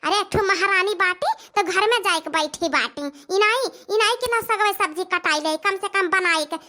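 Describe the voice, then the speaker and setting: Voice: very high voice, normal speed, sharp tone. A performer voicing a grumbling, bossy elderly village mother-in-law in an Awadhi cartoon comedy, ranting and scolding. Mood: complaining. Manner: scolding, complaining rant.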